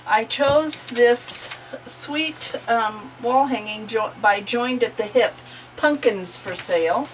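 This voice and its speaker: A woman's voice: on the high side, slow, a little hiss or hum, rough recording. A middle-aged woman casually narrating a vlog as host, recorded inside a small camper trailer. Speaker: host of a sewing and travel vlog.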